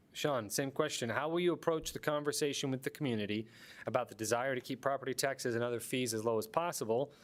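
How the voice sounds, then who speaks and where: Male forum moderator, mid-pitched, reads questions and notices plainly. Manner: reads questions and announcements with fillers.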